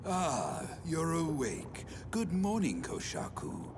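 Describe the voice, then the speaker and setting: A man voicing a sly, evil, century-old male scientist villain in an anime dub, with a smooth, scheming manner. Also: fairly high pitch, huge pitch swings, slow, background noise, exaggerated voice. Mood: sinister. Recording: anime dub with music behind.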